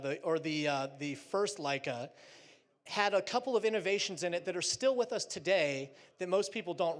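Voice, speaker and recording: This high-voiced man presents slides at a live trade show in a relaxed, talkative way. Between fillers, he keeps dropping small jokes.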